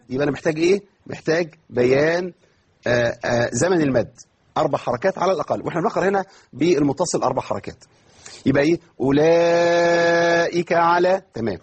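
Teaching Quran recitation online, an Egyptian man with an Egyptian Arabic accent answers his own questions and draws words out slowly as examples. His husky voice sits at medium pitch, animated, with a darkish tone.

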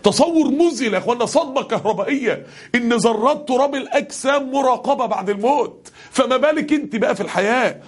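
A man with an Egyptian Arabic accent preaching a passionate sermon to a congregation, his voice climbing to shouts on the key lines. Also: very high voice, animated, fast talker. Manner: impassioned, rising to shouts on key verses.

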